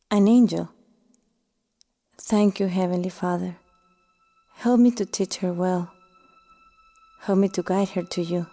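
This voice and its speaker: A woman voicing a gentle, devout noble mother who speaks softly and tenderly, almost in a whisper. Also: on the low side. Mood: prayerful. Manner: soft, tender, half-whispered. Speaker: voice actor. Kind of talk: audio drama acting.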